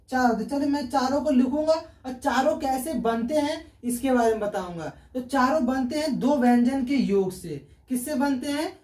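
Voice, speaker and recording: A man's voice: very high voice, darkish tone. A male teacher, giving an online grammar lesson. He asks questions and answers them himself, repeating key terms. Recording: roomy echo, distant from the mic.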